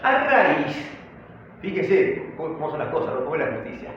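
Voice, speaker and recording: A man preaching a sermon as pastor, animated and full of rhetorical questions. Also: on the high side, normal speed, heavy reverb, dull audio, slight background noise.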